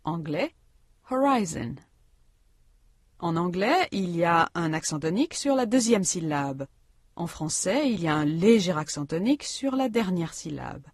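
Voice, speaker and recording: Woman, instructional narrator, calm explanatory reading, breathy low voice, dry booth. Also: moderate pace, dry recording. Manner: calm, explanatory teacher delivery. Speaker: language-course narrator.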